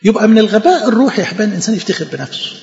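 Fast, high-voiced Egyptian preacher. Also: male voice. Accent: Egyptian Arabic. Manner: animated, teasing, repetitive, rhetorical questions. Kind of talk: sermon. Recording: echoey church hall, dull lo-fi sound.

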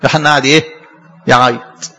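Fast, gravelly Egyptian priest preaching. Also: male voice, mid-range voice, steady tone, sharp tone, in a large hall. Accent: Egyptian Arabic. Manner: rhetorical questions answered by himself; storytelling with acted quotes. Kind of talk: sermon.

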